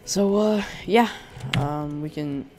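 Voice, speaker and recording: Showing off a Minecraft resource pack in a casual gameplay video, a young male YouTuber with a sore throat rambles, hesitating often with ums and restarts. His voice is a little high and darkish in tone, and he speaks slowly.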